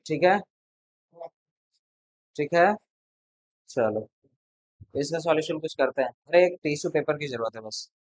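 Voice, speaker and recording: A man's voice: fairly high pitch, animated, measured pace, pauses often, dry recording, poor audio. Blunt chatty male tutor, dry sound. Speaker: math tutor. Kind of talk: casual classroom talk to students.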